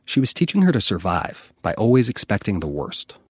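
A man's voice: on the low side, big pitch swings, a little fast, breathy edge, dry recording, studio quality. A man narrating a scripted radio feature as a reporter.

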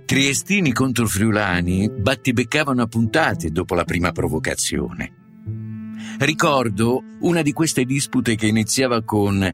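A man narrating a short story with a wry, ironic manner. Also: on the low side. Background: guitar music.

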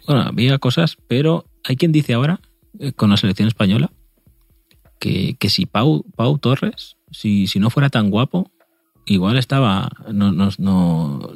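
This man talks in a lowish voice, chatting loosely about football as a co-host. He laughs easily, mocks himself and often stops and restarts his sentences. The sound is close and dry, with no room behind him. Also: vocal fry, a little mellow, husky, no echo. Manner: laughs often, self-mocking, halting restarts. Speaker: podcast co-host. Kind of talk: casual chat about football.

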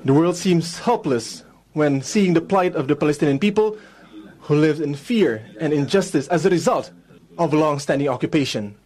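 A man giving a live translation voice-over of a speech, with halting phrases that restart. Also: a little high, expressive, a little mellow. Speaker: interpreter.

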